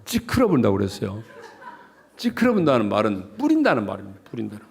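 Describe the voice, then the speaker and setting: Korean pastor guy doing a revival sermon, jokey and lively, voice jumps all over. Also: fairly low pitch, quick pace, vocal fry, husky. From South Jeolla, Korea. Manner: animated, joking preaching with dialect humor.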